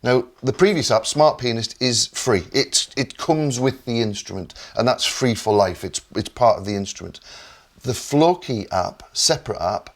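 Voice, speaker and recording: A man's voice: medium pitch, lively intonation, moderate pace. A man with a Northern English accent, explaining a digital piano in casual chat with enthusiasm and lots of repeated words. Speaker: product specialist. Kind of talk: casual product demo chat.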